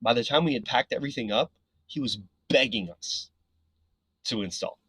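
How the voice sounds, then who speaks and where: Husky, animated male podcast guest. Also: medium pitch, normal speed, no echo, low-quality recording. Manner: animated, filler-heavy, frequent "right?". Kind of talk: casual storytelling.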